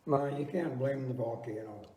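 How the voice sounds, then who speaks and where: Playing a folksy older husband in an amateur talk-show comedy sketch, this man teases wryly and argues back with homespun logic. He has a mellow, natural, medium-pitched voice and keeps a moderate pace. The recording sounds echoey, picked up from a distant microphone.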